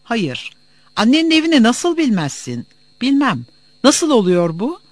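A reader voicing a gruff male soldier interrogating a traveler with short, clipped questions, in an audiobook. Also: medium pitch, huge pitch swings, a little slow, no echo, voice pushed up. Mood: suspicious. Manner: curt, clipped demands.

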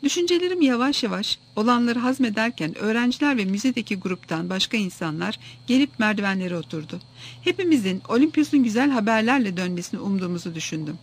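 A narrator reading a first-person story aloud in a steady, even manner for an audiobook. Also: medium pitch, fast talker.

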